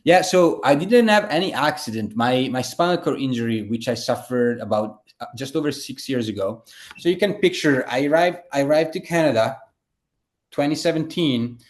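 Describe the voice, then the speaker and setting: A man's voice: medium pitch, lively intonation, moderate pace. A man, a guest telling his story in a casual interview, rambling with many fillers and restarts. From Italy. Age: 30s.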